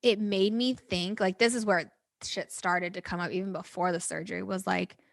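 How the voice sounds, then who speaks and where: A woman's voice: medium pitch, steady tone, moderate pace, gravelly, no echo, clean studio sound. A woman talking casually and emphatically on a podcast, outspoken and often punctuating her talk with "like". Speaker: podcast host.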